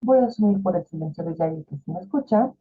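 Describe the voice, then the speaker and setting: A woman's voice: on the low side, animated, quick pace. Woman teaching over a tinny call. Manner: chatty, explains with fillers and rhetorical questions. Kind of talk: online class lecture. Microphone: video call. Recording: tinny phone-like video call audio.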